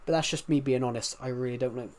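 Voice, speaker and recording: Talking fast in a mid-range, slightly mellow voice, this young British streamer with a heavy regional accent rambles to his live viewers. He's chatty and candid, frequently restarting his sentences.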